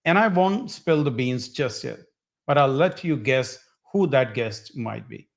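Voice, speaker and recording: A man hosting a podcast, introducing his guest with many pauses and filler words. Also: mid-range voice, lively intonation, vocal fry. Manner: hesitant, many uh fillers and broken phrases. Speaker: podcast host. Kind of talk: casual podcast interview.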